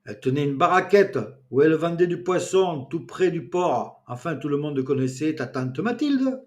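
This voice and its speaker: A woman's voice: deep voice, lively intonation, normal speed, a little mellow, pitched above the performer's own voice. Brief: man playing a chatty, insistent old lady, raised voice, storybook reading. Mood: eager.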